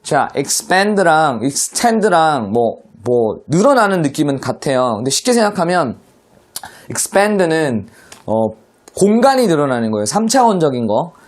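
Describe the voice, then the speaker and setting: A man with a medium-pitched voice and a Korean accent teaches English vocabulary to middle school students in an online class, often addressing them directly.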